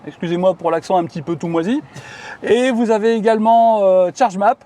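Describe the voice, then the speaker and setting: A man's voice: high voice, a little fast, dark tone. A man, hosting and casually explaining electric cars to a colleague, chatty with many fillers. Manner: chatty, many fillers, asks viewers questions.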